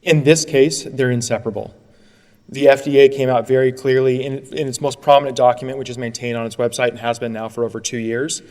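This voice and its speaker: A man presents an appeal in brisk, rapid speech, restarting phrases as he presses his points. His voice carries a long echo through a large courtroom. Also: medium pitch, fairly even intonation, darkish tone. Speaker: attorney arguing an appeal. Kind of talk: courtroom oral argument.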